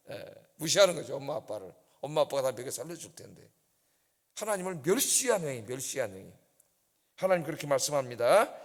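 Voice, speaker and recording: A male pastor with a high, lively voice that rises and falls widely as he preaches. He keeps throwing rhetorical questions at the congregation. His voice carries a long reverb from the church sanctuary. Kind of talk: dawn service sermon.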